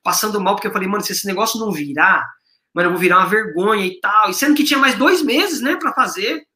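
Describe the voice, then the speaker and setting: Guest: São man, slangy storyteller, bright forceful voice, echoey room. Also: sits high, fast. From Brazil, São Paulo. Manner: slangy, excitable, acts out quoted dialogue. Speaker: guest, business owner. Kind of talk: animated storytelling in casual chat.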